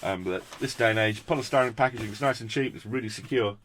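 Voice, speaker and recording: A British man gives a casual, hands-on unboxing review, chatty, jokey and effusive, full of quaint turns of phrase. His voice is fairly low and fast, with background noise in the recording.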